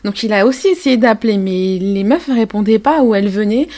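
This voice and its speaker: A young woman, a podcast guest, telling her story in a casual, candid, animated way, with slang and frequent laughter. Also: mid-range voice, brisk. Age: young adult.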